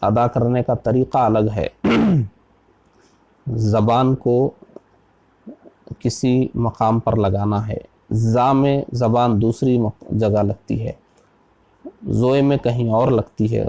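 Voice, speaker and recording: A man, an Islamic scholar from India, giving a slow, deliberate religious lesson on Quran recitation and spelling out letters one by one. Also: mid-range voice, vocal fry, warm tone.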